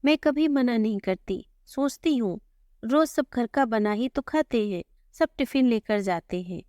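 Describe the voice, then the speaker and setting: A woman narrating a first-person family story in a gentle, conversational way, voicing the dialogue in her own tone. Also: fairly high pitch, animated, unhurried, no echo, studio quality.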